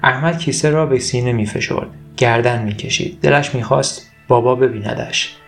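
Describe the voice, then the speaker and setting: A man reading a children's story aloud as a calm, scripted narration. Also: medium pitch, soft background music.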